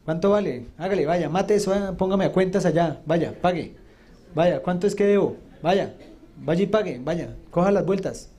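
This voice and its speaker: A brusque, bossy man who throws money at a task rather than doing it himself, as a teacher puts him on. He sounds slightly raised in pitch yet mellow in tone. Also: moderate pace, lightly acted.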